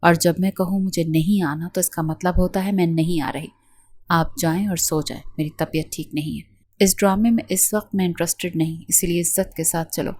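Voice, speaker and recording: A woman's voice: on the low side, steady tone, darkish tone, breathy edge, no room sound. A woman voicing a hurt but proud young wife in an audio novel, pleading yet defiant.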